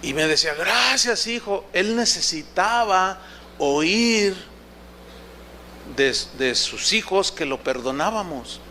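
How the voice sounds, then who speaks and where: High, bright-voiced middle-aged male pastor. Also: lively intonation, takes it slowly, slight background noise. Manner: emotional storytelling with frequent restarts. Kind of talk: sermon.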